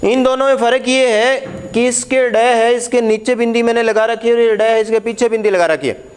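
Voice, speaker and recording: A man's voice: very high-pitched, fairly even intonation, moderate pace, smooth. A man teaching Hindi letters at a board, explaining patiently, repeating key words and putting questions to the class.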